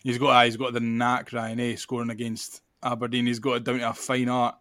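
A Scottish man hosts a casual football podcast in an everyday mid-range voice. His pitch moves very little, and the recording is dry and close, with almost no room sound. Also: monotone, fairly quick, fairly bright tone, no echo. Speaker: podcast host.

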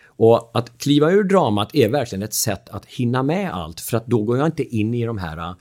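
A man, a father, explaining relationship roles in an animated chat, acting out quotes and laughing often. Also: mid-range voice. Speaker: speaker on the drama triangle, a father.

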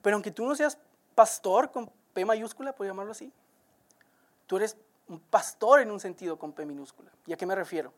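A woman's voice: mid-range voice, brisk. A woman preaching a sermon, speaking earnestly and directly to listeners and repeating words as she builds each point.

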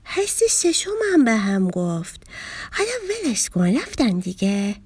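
A woman's voice: mid-range voice, very animated, a little mellow, husky, no room sound. A woman voicing a scatterbrained young fish who rambles, gets tongue-tied and easily confused, in a children's story. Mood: chatty.

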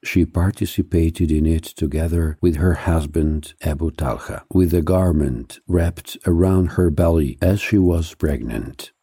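A man reading a scripted history narration in a measured, even way, slowing and stressing each item when he lists things. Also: deep voice, slightly rough, no room sound, clean studio sound.

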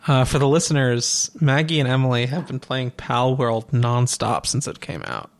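A man's voice: medium pitch, expressive, normal speed, slight background noise. A man running a tabletop game as game master, explaining rules with dry teasing asides.

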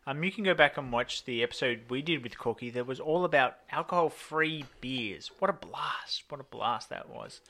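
A man's voice: mid-range voice, animated, normal speed, hardly any pauses, sharp tone. A young man co-hosting, chatting casually and rambling jokily as he reviews drinks. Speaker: show co-host. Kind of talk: casual chat, beer reviewing.

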